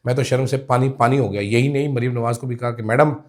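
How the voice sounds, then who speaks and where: A man's voice: mid-range voice, fairly even intonation, fast talker, darkish tone. A man with a Pakistani Urdu accent, delivering a political commentary monologue with sarcastic, mocking asides.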